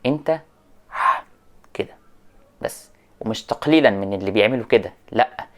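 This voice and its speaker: A man with an Egyptian Arabic accent talking straight to students, lecturing with animated mock examples of English phrases. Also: on the low side, fairly quick. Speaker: education vlogger. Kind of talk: direct-address rant to students.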